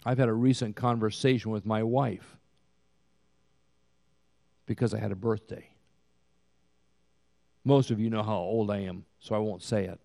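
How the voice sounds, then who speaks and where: A man in his sixties preaching a sermon as pastor, with slow, emphatic delivery that swells to loud peaks, recorded in a church sanctuary. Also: lowish voice, steady tone, vocal fry. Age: 60s. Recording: long hall reverb.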